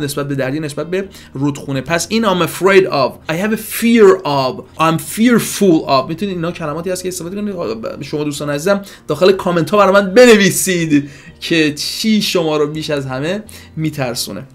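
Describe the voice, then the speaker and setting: A man with a slightly high voice gives an informal English lesson, and his first language is Persian. He chats quickly to his viewers as friends and kids. He then slows to careful, deliberate English examples. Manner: switches between fast chatty explanation and slow, careful example sentences; addresses viewers warmly as friends and kids, with filler hesitations. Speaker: English teacher. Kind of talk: casual video lesson.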